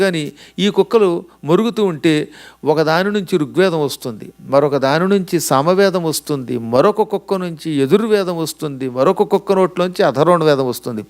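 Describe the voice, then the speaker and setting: A man delivers a storytelling sermon in a high-pitched voice. He acts out the dialogue of gods and goddesses and slows down to chant sacred verses. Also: expressive. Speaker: religious discourse speaker. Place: lecture venue in the US.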